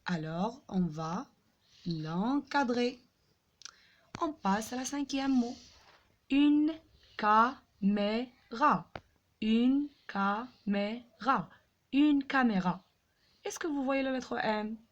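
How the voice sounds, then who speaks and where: Woman, slow unhurried pace, patient classroom teacher, repeats words. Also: on the high side, darkish tone, muffled recording. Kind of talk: French lesson for young pupils.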